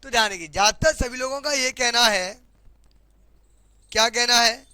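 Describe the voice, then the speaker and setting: A man's voice: very high voice, moderate pace, bright, forceful tone, clean tone, no echo. A man with a Hindi accent teaching English grammar in a classroom lesson, often repeating questions to his students.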